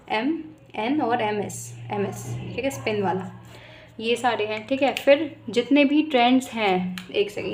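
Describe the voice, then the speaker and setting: Young woman, medical student tutor, slightly raised pitch, casual brisk exam-prep delivery. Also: a little hiss or hum. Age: young adult. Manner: brisk, repeats "ठीक है" often, direct to viewers.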